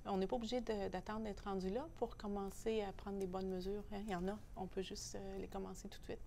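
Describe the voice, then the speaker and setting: A woman with a Canadian French accent, a newspaper columnist who is a guest on an interview show. She gives her views in an animated way and often pauses on "euh.". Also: mid-range voice, vocal fry, slight background noise. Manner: opinionated, animated, pauses on fillers. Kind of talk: casual interview conversation.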